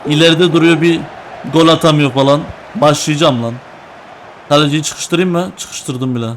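Young man, slightly high voice, excitable gameplay chatter, repeats callouts, faint background hiss. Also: moderate pace. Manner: excitable, joking, trash-talking, repeats calls. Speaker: gaming YouTuber. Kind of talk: live gameplay commentary with teammates.

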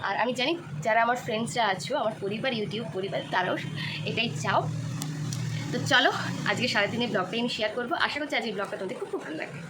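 A woman's voice: on the high side, rapid-fire. A woman, casually vlogging and talking straight to her viewers. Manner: chatty, addresses viewers directly. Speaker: family vlogger. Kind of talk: casual vlog chat. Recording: loud background noise.

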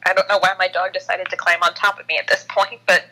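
A woman's voice: on the low side, flat delivery, fast, pushed and bright, low-quality recording. A woman co-hosting a racing podcast in playful casual chat. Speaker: podcast co-host.

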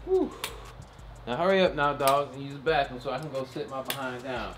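A man's voice: medium pitch, expressive, brisk, close to an everyday voice. A man playing a grumpy, exasperated seventy-year-old grandpa, grumbling in a loosely improvised family comedy skit. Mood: weary grumbling. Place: around a house, indoors and outdoors. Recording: noisy, roomy, distant camera-mic sound.

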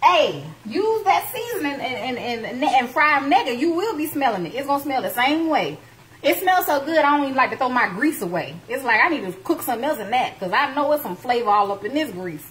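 Here the same thirtysomething host chats cheerfully with her stream audience from the kitchen, sprinkling in church-style exclamations. Her voice is high-pitched with big swings in pitch, brisk and somewhat bright. She's captured on a phone camera that shifts between close range and the far side of the room, giving poor audio.

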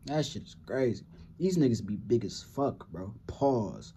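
A man's voice: mid-range voice, lively intonation, measured pace, warm tone, slight background noise. A young man from California giving casual, profanity-heavy reaction commentary on a football game, rambling and slangy. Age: young adult. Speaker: sports reaction video host.

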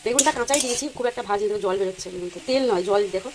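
A woman's voice: mid-range voice, racing, noisy background. A woman vlogging from her village home, chatting to viewers as she feeds animals and cooks. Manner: chatty, explains each cooking step to viewers. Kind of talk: casual cooking vlog narration.

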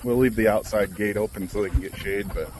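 A man hosts a farm vlog outdoors on a ranch among chickens and cows, chatting casually while doing chores. His voice is on the low side and a little fast, and he's relaxed and rambling with lots of fillers. There's a little hiss or hum in the recording.

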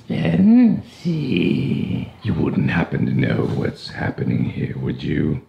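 A man with a very gravelly, low voice, teasing his co-host with laughing asides. His pitch swings widely and he talks unhurriedly. Noise sits clearly behind him. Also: wildly swooping pitch, slow, highs cut off. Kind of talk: casual banter.

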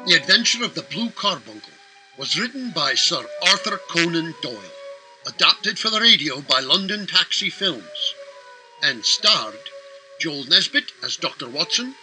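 A man's voice: fairly high pitch, very animated, measured pace, sharp tone, faint music behind, rough recording. A man reading the closing credits of a radio drama in a formal announcing manner.

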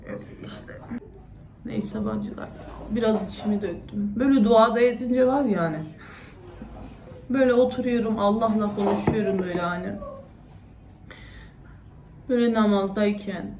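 A woman's voice: medium pitch, fairly even intonation, moderate pace, pauses often, warm tone. A woman in her thirties, a vlogger, praying aloud and then talking about her feelings, her voice sometimes breaking between tears and laughter. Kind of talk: personal prayer and heartfelt chat. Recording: echoey room with noticeable background noise.

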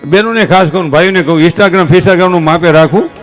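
Give me a comedian with a Kathiawadi Gujarati accent telling folksy, animated stories on stage, voice a touch high. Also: male voice, a little fast, faint music behind. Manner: folksy, animated storytelling with gestures; earnest advising. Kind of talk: humorous stage talk with advice.

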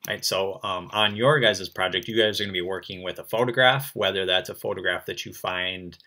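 A young man talks children through an art lesson. His low voice has a very bright, forceful edge. He explains patiently and in a friendly way, with plenty of ums along the way. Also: steady tone, brisk. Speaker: art teacher. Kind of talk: recorded class lesson for kids.

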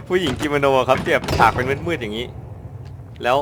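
A Thai man commenting while playing a horror game, chatty and excitable, yelping and apologizing to the characters. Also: mid-range voice, moderate pace, background noise. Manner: excitable, yelps and shouts when chased. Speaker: gaming YouTuber. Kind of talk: let's play commentary. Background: game music.

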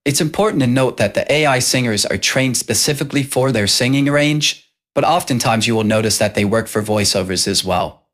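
A man hosting a casual software tutorial, explaining step by step. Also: mid-range voice, fairly quick. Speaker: tutorial host.

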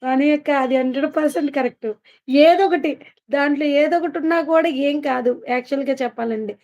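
Woman host on a live stream, greets viewers one by one, high and even, lo-fi phone audio. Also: quick pace. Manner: chatty, greets viewers one by one, laughs often. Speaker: vlogger hosting a live stream. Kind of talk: casual live-stream chat, reading viewer comments.

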